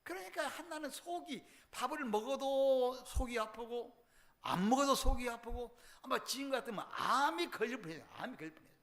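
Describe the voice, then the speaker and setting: High, animated Korean male preacher. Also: fairly quick. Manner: dramatic storytelling, acting out voices, swings between loud and hushed. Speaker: pastor. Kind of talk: revival sermon.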